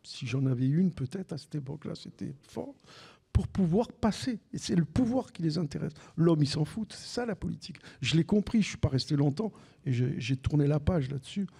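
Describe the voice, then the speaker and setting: An older man with a Marseille accent, telling lively anecdotes as a podcast guest and acting out the dialogue. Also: on the high side, fairly quick, gravelly, husky. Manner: animated anecdotes with repeated restarts and acted-out dialogue. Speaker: guest, former sports radio commentator. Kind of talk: storytelling in a live podcast conversation.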